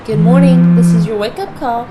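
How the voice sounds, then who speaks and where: A woman's voice: lowish voice, moderate pace, natural voice. Female wake-up call announcer, played by an actress, bossy hotel-call delivery over prominent music. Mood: brisk, commanding.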